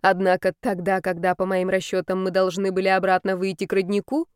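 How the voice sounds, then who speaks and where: A woman narrating a novel in the first person, wry and even. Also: medium pitch, fairly quick, clear, resonant tone, no room sound, studio quality. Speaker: audiobook narrator.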